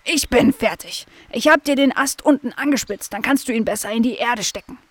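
A woman voicing a calm, helpful male beaver in a children's audio story, easygoing in manner. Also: on the high side, a little fast, no echo, pitched above the performer's own voice, close to an everyday voice.

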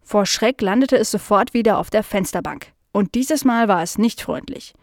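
Calm woman reading a children's story. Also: medium pitch, normal speed, dry recording, clean studio sound. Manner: calm, even, clear reading.

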